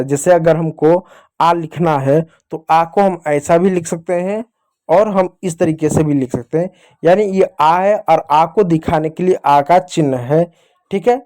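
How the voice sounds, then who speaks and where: A man gives a beginner reading lesson in a patient, repeating way, talking to his viewers as if they were children. His voice sits a little high for a man and has a warm, mellow tone. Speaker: teacher. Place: teaching at a board or screen with a pen.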